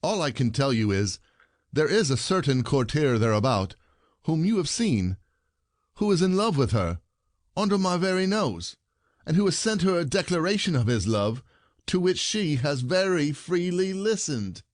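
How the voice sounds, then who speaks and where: In a theatrical comedy audio play, a male actor voices a bitter, sarcastic husband, a rich commoner forever complaining. His fairly high voice is sing-song at a moderate pace, recorded with studio quality and no echo.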